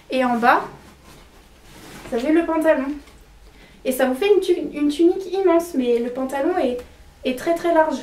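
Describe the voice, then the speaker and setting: A woman's voice: high-pitched, slight background noise. A young woman chatting enthusiastically through a shopping haul, with many fillers and restarts. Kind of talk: casual haul video talk. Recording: echoey room.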